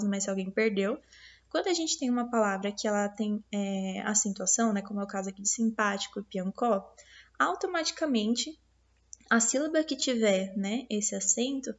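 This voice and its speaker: A woman's voice: medium pitch, fairly quick, lo-fi sound. A woman teacher with a Brazilian Portuguese accent, patiently explaining a lesson review to her pupils step by step, with many fillers and tag questions. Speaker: primary school teacher.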